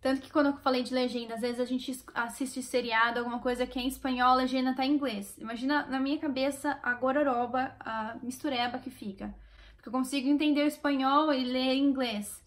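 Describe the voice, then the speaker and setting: A woman's voice: high-pitched, steady tone, brisk. A woman from Brazil with a Brazilian Portuguese accent, chatting in a casual vlog and cheering on her viewers. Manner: chatty and encouraging, speaking straight to viewers. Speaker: vlogger.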